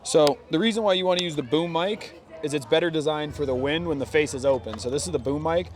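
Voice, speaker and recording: This motorcycle vlogger's voice sits a little high, and he talks fast. Hanging out with friends outside, he chats loosely about installing gear by hand, full of slang and "dude."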